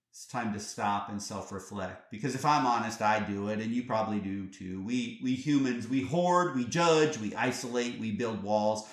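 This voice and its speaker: A man's voice: medium pitch, roomy sound. A man hosting a podcast, giving an earnest reflective monologue full of rhetorical questions and emphatic turns. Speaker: podcast host.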